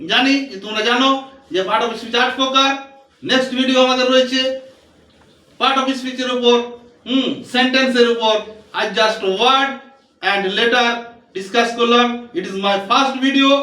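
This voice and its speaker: High, bright-voiced man teaching English. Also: reverberant, recorded from a distance. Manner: patient, spells words out letter by letter and asks the viewer questions. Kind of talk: English lesson video explained in Bengali.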